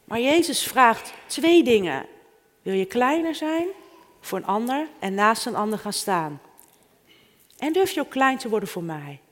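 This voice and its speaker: Slow, earnest middle-aged preacher in a reverberant hall. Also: mid-range voice, very animated. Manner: earnest, repeats phrases in a gentle cadence. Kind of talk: sermon with scripture reading and prayer. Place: church service before a congregation. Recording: reverberant church hall, faint music.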